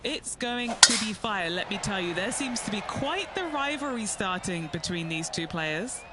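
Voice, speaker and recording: A man playing an excitable on-course golf reporter in a video game. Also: high-pitched, moderate pace. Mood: eager. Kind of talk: enthusiastic sports commentary in a video game. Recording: noisy outdoor course background.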